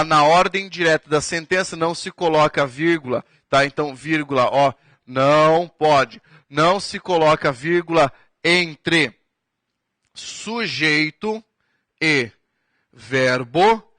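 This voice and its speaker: Bright-voiced Brazilian man teaching grammar. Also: on the high side, dry recording. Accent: Brazilian Portuguese. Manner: drawn-out emphatic words, frequent "tá?" check-ins, writing on a board. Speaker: exam prep teacher. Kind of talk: recorded grammar lecture.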